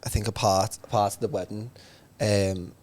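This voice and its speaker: A man, co-hosting a podcast in casual chat and telling stories in an animated way. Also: lowish voice, moderate pace. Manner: chatty, animated storyteller. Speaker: podcast co-host.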